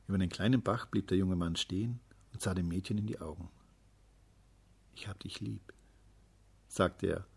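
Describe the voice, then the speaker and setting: Man reading a kids story, low husky voice, calm and even. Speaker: narrator.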